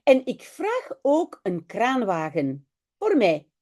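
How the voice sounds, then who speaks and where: A woman's voice: fairly high pitch, wildly swooping pitch, takes it slowly, mellow, full character voice. A woman voicing a small, eager and slightly naughty boy in a children's storybook.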